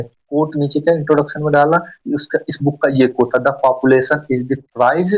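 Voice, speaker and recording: A man teaching an exam-prep lesson in a fast, chatty way, often asking and answering his own questions. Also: mid-range voice. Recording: dull, slightly distant mic.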